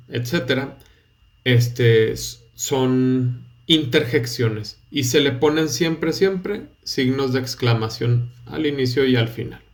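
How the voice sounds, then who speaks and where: Male tutor, Mexican Spanish accent, unhurried, middle pitch, explains step by step. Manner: slow, patient explaining with fillers. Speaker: teacher. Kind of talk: study-guide lesson.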